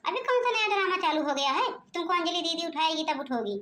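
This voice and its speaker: A woman's voice: extremely high pitch, animated, quick pace, fairly bright tone, roomy sound, a little hiss or hum. Woman voicing a nagging Awadhi mother-in-law. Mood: scolding. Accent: Awadhi-region Hindi. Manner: nagging, exasperated, sarcastic. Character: scolding strict middle-aged mother-in-law. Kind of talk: home-made cartoon voice acting.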